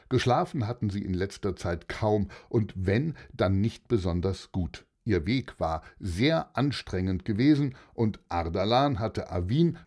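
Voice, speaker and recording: A man narrating a children's story who speaks gently and addresses young listeners directly. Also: fairly low pitch.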